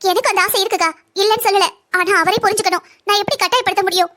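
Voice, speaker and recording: A woman's voice: very high voice, rapid-fire, fairly bright tone. A woman voicing a young wife and mother, a doctor, in a family cartoon drama, pleading yet defiant.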